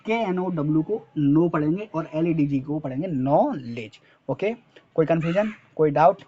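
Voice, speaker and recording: A man's voice: fairly high pitch, expressive, normal speed, dull audio, slight background noise. A male teacher with a Hindi accent giving an English lesson, spelling words letter by letter and asking and answering his own quiz questions. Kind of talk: spoken-English lesson at a board.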